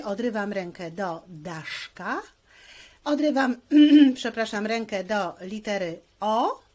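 A woman's voice: mid-range voice, a little mellow. A woman teacher giving a handwriting lesson, explaining each stroke patiently, step by step.

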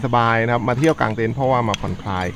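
A man's voice: medium pitch, very fast, gravelly, background noise. A middle-aged man hosting a family camping vlog, upbeat and addressing viewers politely. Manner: upbeat, talks to viewers, ends phrases with polite particles. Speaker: family vlog host, the father. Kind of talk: casual family vlog narration.

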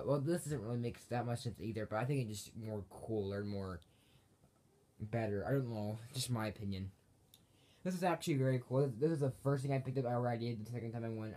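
Speaking quickly in a fairly low, darkish voice, an online reviewer talks through Halloween props on his channel without a script. His delivery is rambling and repetitive, full of self-corrections, and the home video has background noise.

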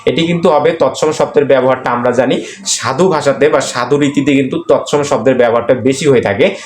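A man's voice: mid-range voice, brisk. Bangladeshi man teaching in an echoey room. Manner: explanatory, repeats each question and answer, filler "aah". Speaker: exam prep teacher. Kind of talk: screen-recorded lesson walking through quiz answers. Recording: echoey room, faint background noise.

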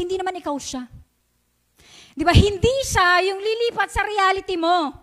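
Filipino woman preacher, high voice, chatty sermon full of questions to the congregation. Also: fairly bright tone. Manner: conversational, asks the congregation questions, mixes English into Tagalog. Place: church sanctuary.

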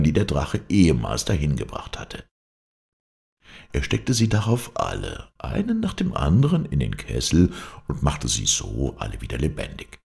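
A man reading a fairy tale aloud, expressive and dramatic. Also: very deep voice, vocal fry. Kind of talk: storybook narration.

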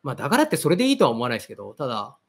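A man's voice: medium pitch, wildly swooping pitch, very fast, a bit bright, husky. A man in his thirties hosting a football channel, talking casually and reflectively in a mix of plain and polite speech. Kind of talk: casual commentary talk.

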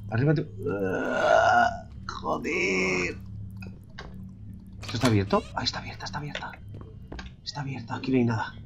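A man's voice: mid-range voice, creaky, dull audio, a little hiss or hum. A man from Spain with a Spanish accent, commenting on a horror game; he swears, whispers when tense, yelps at scares and keeps talking to his viewers as lads. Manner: jumpy and profane, drops to whispers and bursts into yelps. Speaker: gamer.

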